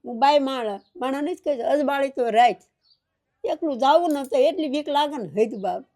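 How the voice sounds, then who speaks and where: A woman's voice: high voice, normal speed, warm tone. An older woman with a rural Saurashtra Gujarati accent, crying as she tells her story in an interview and repeating that she doesn't know what to do. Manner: grieving, repeats "what can I do?". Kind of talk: tearful personal account.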